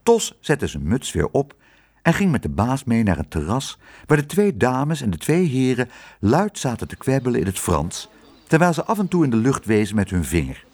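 A man reading a children's book aloud, telling the story in an expressive, animated way. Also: medium pitch, normal speed, breathy edge.

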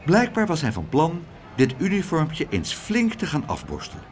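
Guy reading a kids story, super animated sing-song delivery. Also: on the high side, moderate pace. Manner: lively, expressive reading. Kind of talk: storybook narration.

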